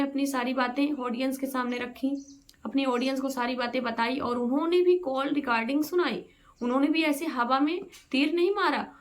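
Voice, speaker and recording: Woman vlog host, high voice, chatty gossip commentary. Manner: chatty, keeps saying "okay" to viewers.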